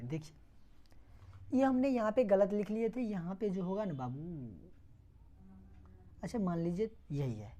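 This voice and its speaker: Mellow-voiced woman teaching step by step. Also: mid-range voice. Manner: repeats questions and answers them herself, step by step. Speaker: math teacher. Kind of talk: classroom lecture.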